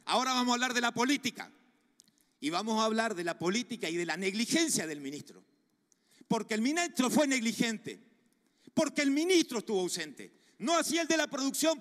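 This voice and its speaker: A man's voice: very high voice, fairly bright tone. A man with an Argentine Spanish accent, a senator speaking vehemently and accusingly in a committee hearing, repeating phrases for emphasis. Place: large legislative chamber. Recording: reverberant hall sound.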